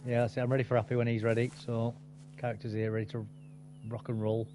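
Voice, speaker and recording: A man rattles along at a brisk pace in easygoing gaming chatter. He's laid-back and chatty, with a mild swear word here and there. A light hiss sits underneath his voice. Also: medium pitch, flat delivery. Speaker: gamer. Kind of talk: casual chat while gaming.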